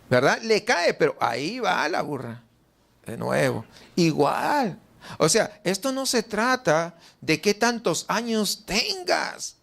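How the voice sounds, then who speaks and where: A pastor with a high voice and a Mexican Spanish accent preaches in a church, peppering the congregation with rhetorical questions and voicing their doubts loudly. His tone is fairly bright, with some vocal fry.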